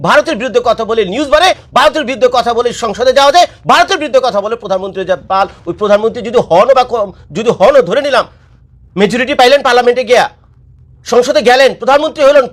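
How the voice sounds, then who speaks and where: Male commentator, high voice, rapid-fire scolding monologue, repeats his warnings. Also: fairly bright tone. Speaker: political commentator. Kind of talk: impassioned political monologue. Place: living abroad.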